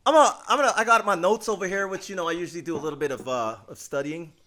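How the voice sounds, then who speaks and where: A man's voice: a little high, quick pace, bright, forceful tone. A man co-hosting a casual podcast, joking, teasing and swearing freely. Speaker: podcast co-host.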